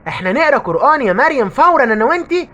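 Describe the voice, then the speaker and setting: A woman's voice: high-pitched, big pitch swings, very fast, noisy background. A woman voicing a caring, jumpy father with an Egyptian Arabic accent, fussing and exclaiming. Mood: worried.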